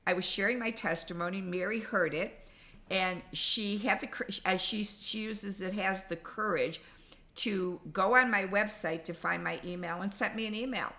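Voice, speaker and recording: Bright, chatty woman host. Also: medium pitch, moderate pace. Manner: chatty, enthusiastic. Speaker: conference host. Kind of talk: casual chat.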